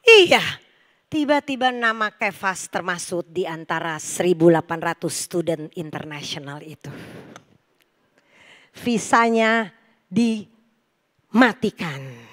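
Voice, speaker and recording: A middle-aged woman preaching a sermon at a church service, telling stories in a lively, joking way and talking directly to the congregation. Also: on the low side, slow pace, pauses often.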